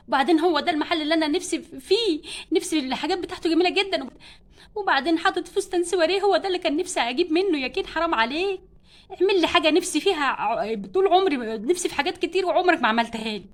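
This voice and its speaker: A woman's voice: very high-pitched, animated, very fast. A woman voicing a wife doll who loves shopping for dresses, speaking with an Egyptian Arabic accent and scolding her husband. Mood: bickering. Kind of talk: doll play storytelling.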